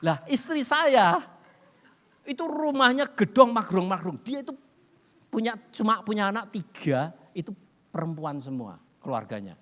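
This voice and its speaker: A man's voice: sits high, very animated, normal speed, fairly bright tone. A man preaching a sermon and telling funny stories, laughing often and dropping in English phrases. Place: church hall. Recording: reverberant hall sound.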